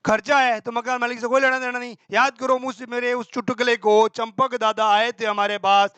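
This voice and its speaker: A male teacher running a quick exam-prep accounting class, quizzing himself aloud and answering in a student's voice, with homely examples. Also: extremely high pitch, little pitch movement, pushed and bright, smooth, no echo. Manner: brisk and colloquial, with homely examples.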